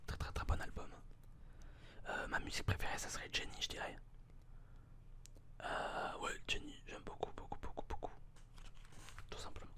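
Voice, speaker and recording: An ASMR host with a French accent whispers breathily right in your ear, in a casual, hesitant, rambling way. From France. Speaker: ASMR host showing a CD collection.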